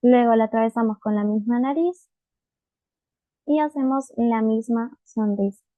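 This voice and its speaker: A woman's voice: a little high, measured pace, no room sound. A woman teaching a writing lesson, patient and explaining step by step, often checking in with her students. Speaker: Japanese teacher. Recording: dry, phone-like narrow sound.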